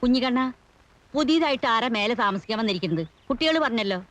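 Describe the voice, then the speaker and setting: A woman's voice: a little high, lively intonation, fast talker, a bit bright. An actress playing a feisty old grandmother and landlady in a 1980s film drama, commanding and scolding. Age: older. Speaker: grandmother who owns the house.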